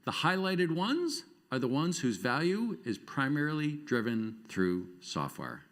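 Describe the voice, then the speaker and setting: A middle-aged man speaks from a conference stage with an animated, self-deprecating storytelling manner. His pitch swings widely as he drives his points home. He drops in wry asides along the way. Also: measured pace. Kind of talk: conference keynote talk. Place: conference stage before an audience.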